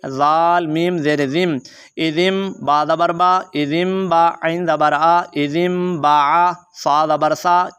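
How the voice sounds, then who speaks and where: Smooth, slow-paced man teaching Quran reading. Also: a little high, fairly bright tone, dry recording, clean studio sound. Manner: alternates slow drawn-out recitation with quick explanations. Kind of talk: spelling out and reciting Quranic verses slowly for beginners.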